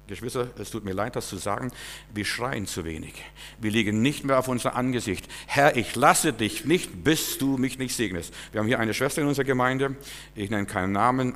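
A middle-aged man preaching as a pastor, emphatic, with loud bursts and quiet asides. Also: mid-range voice. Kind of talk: sermon. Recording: long reverb in a church hall.

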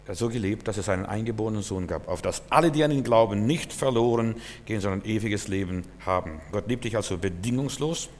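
Earnest German preacher in a reverberant hall. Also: male voice, fairly low pitch, fast, few pauses, slight background noise. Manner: earnest, repetitive, addresses listener directly. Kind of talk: sermon.

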